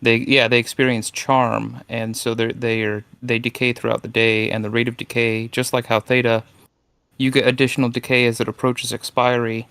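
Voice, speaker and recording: Male trading-stream commentator, measured and explanatory, crisp dry sound with a creaky edge. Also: medium pitch, flat delivery, fairly bright tone, dry recording. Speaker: trader co-commentator on a livestream. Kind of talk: casual market commentary.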